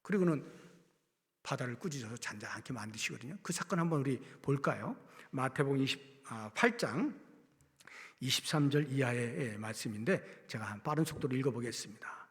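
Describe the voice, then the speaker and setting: A man preaching a sermon as pastor, swinging from loud emphasis to hushed, almost whispered lines. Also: mid-range voice, animated, brisk. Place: church sanctuary. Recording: long reverb of a church hall.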